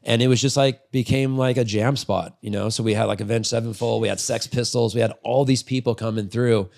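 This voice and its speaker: He's in his forties, a retired freestyle motocross rider who owns a business, chatting as a podcast guest in a long, story-driven interview. The voice sits at medium pitch, steady, brisk, creaky and a little mellow, and he talks candidly, wanders, and swears a lot.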